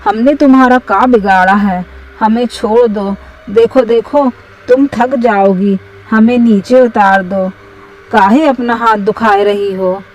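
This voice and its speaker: A woman's voice: fairly high pitch, slow, darkish tone, far from the mic, low-quality recording. A woman voicing a rustic young male thug pleading to be let down.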